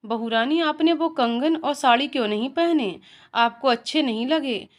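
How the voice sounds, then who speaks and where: A woman voicing an older, caring household nanny who speaks in a gentle but firm, motherly way. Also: high voice, normal speed, natural voice. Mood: concerned.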